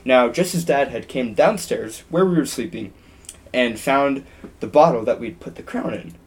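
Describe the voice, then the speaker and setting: A man's voice: medium pitch, unhurried, husky. Young male co-host, casual rambling storyteller, mid-range voice. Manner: rambling, with frequent ums and restarts. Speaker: podcast co-host.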